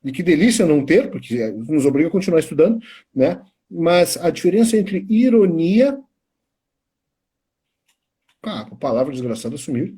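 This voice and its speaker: Husky, mellow Brazilian male teacher. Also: a little high, very animated, moderate pace, pauses often. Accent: Brazilian Portuguese. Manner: storytelling, rambling with restarts and "né?". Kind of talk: casual chat on a live stream.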